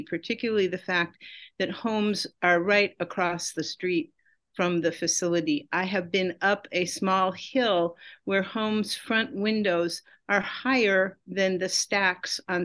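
An older woman interviewed as an advocate, speaking in an impassioned, emphatic way. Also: fairly low pitch. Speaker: advocate guest. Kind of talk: interview answers.

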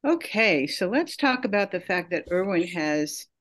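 A woman's voice: lowish voice, big pitch swings, unhurried. An older woman interviewed as an advocate, speaking in an impassioned, emphatic way. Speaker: advocate guest. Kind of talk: interview answers.

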